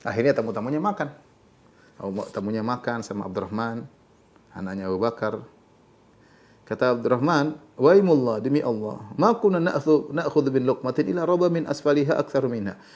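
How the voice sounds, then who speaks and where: A middle-aged man giving a religious lecture, reciting short Arabic passages and then explaining them in an animated storytelling way. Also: mid-range voice, brisk. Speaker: Islamic teacher.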